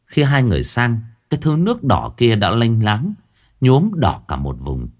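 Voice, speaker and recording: A man's voice: mid-range voice, huge pitch swings, moderate pace, a little mellow. A man narrating a ghost story in a dramatic storytelling manner.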